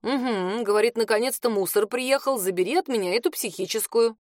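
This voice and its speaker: A woman reading aloud, voicing a calm, matter-of-fact young man who is a policeman. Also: on the high side, brisk, dry recording, studio quality, lightly acted.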